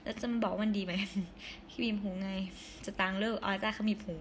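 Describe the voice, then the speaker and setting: A hoarse young woman chatting casually on a live stream, giggling and reading viewer comments aloud. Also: mid-range voice, fairly even intonation, brisk, slight background noise.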